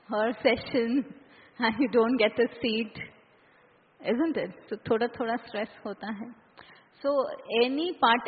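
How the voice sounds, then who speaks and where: A woman's voice: fairly high pitch, slightly rough. A woman with an Indian accent leading an interactive seminar as a trainer, often checking in with her listeners through short questions. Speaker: workshop trainer. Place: large echoey indoor room. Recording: reverberant hall, muffled phone-like sound.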